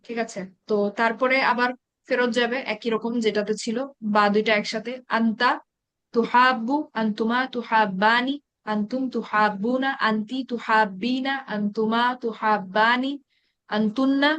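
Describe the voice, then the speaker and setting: A woman teaching an Arabic grammar class in an online meeting, reciting verb conjugations slowly and explaining in quick asides. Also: fairly high pitch, steady tone, a bit bright. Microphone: online meeting call.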